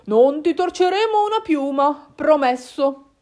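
A woman voicing a hearty father fox in a children's storybook, loud and boisterous. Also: high voice, lively intonation, unhurried, pitched above the performer's own voice.

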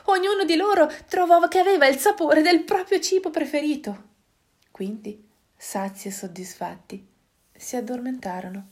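A woman reading a children's story aloud, expressive, with dramatic hushed moments. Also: sits high, normal speed.

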